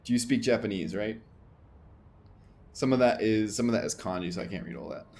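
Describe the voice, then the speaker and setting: This gaming streamer, new to the game he's playing, chats casually with viewers and mutters on-screen menu text as he thinks aloud. His lowish voice is gravelly and darkish in tone, and he talks briskly and animatedly over slight background noise.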